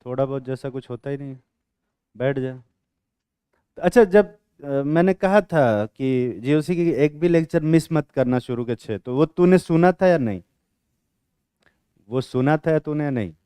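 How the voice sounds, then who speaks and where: A man teaching chemistry to a class, quizzing students and teasing them in blunt, rough slang. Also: medium pitch, animated, unhurried, pauses often, mellow, dry recording. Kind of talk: classroom lecture with questioning.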